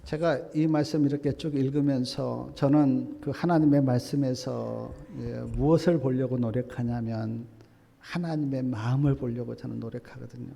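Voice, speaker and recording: A man, a pastor, preaching a sermon that swings between hushed speech and loud, fervent passages. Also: medium pitch, steady tone, normal speed, vocal fry. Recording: long reverb of a church hall.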